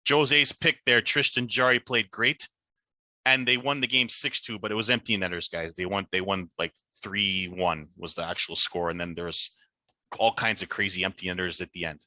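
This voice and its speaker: A man hosting a casual sports picks podcast, talking in an animated way with a lot of teasing trash talk. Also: low-pitched, normal speed, no echo. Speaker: podcast host.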